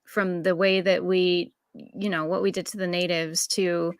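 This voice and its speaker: A woman's voice: on the low side, little pitch movement, unhurried, clear, resonant tone, no room sound, clean studio sound. A young adult woman from Los Angeles speaking casually in a book club discussion, earnest and laughing through pointed remarks. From Los Angeles, United States.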